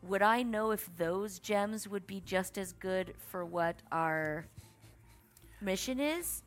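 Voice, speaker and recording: A woman's voice: mid-range voice, takes it slowly, faint music behind. A woman playing a tabletop game who talks hesitantly and runs herself down. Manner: hesitant, self-deprecating. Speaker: player. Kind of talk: casual play at a tabletop game.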